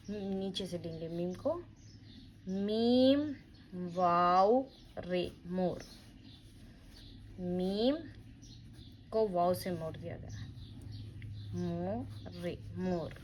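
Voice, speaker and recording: A woman's voice: fairly low pitch, extremely slow, long pauses, dark tone, slight background noise, low-quality recording. A woman teaching a beginner reading lesson, spelling words out letter by letter and repeating them patiently. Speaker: Urdu teacher.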